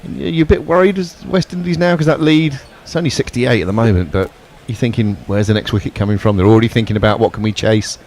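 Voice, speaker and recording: A man's voice: medium pitch, fast talker, hardly any pauses, darkish tone, slight background noise. A man chatting casually as a cricket co-commentator, mixing banter with analysis of the game. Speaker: cricket broadcast co-commentator and message reader.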